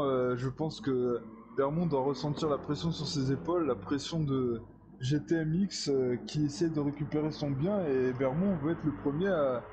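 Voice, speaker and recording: A man giving live analysis as a motorsport commentator on a sim race, on a lo-fi, noisy recording. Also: on the high side. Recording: dull lo-fi sound, clear noise.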